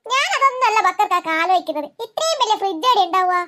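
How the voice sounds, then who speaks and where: A naive old village woman chatters in a very high voice, quick to take offence and argue back, as a woman puts her on. The cartoon voice is bright and busy. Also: lively intonation, exaggerated voice. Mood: chatty, indignant. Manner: talkative, indignant, fast bursts. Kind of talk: cartoon voice acting.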